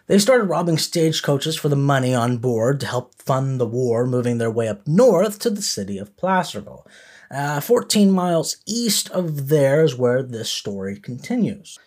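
A man's voice: mid-range voice, big pitch swings, normal speed, darkish tone. A man hosting a podcast, narrating a history story with the occasional filler word. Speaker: podcast host.

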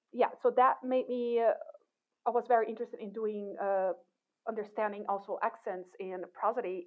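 Woman on a tinny call line. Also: medium pitch. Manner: thoughtful, with many restarts and fillers. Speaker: guest, cognitive science researcher. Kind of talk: casual interview talk. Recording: tinny phone-like call audio.

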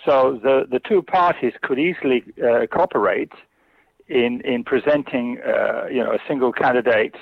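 A gravelly, mid-range male voice at normal speed comes through a tinny phone line with no room sound. He's a guest commentator on China, responding to interview questions hesitantly with many fillers and restarts.

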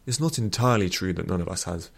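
A man voicing a gentle, hesitant healer. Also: sits low, expressive, fast, gravelly, heavily acted. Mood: mild. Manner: hesitant, mild.

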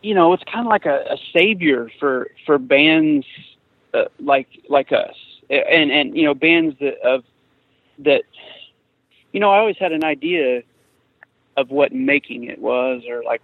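A man in his forties, a musician appearing as an interview guest, chats casually in a medium-pitched voice, rambling with lots of restarts and fillers. The audio is a tinny, phone-like remote line with no room sound.

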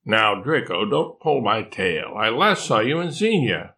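A man's voice: lowish voice, sing-song, a little slow, bright, forceful tone, exaggerated voice. An older man voicing a drowsy, confused male koala who pleads in rising questions in a storybook. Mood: insistent bewildered.

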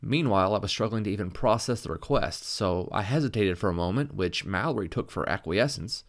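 A man narrates a novel in the first person, measured and even. His voice sits on the low side. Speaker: audiobook narrator.

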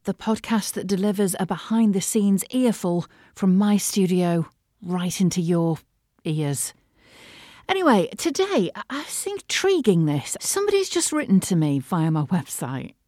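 A middle-aged woman with a Mancunian accent, hosting a casual solo podcast from her studio, chatty and animated. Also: medium pitch, measured pace, dry recording. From Manchester, England. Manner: chatty and animated, laughs often. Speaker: podcast host and voiceover artist. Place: home studio.

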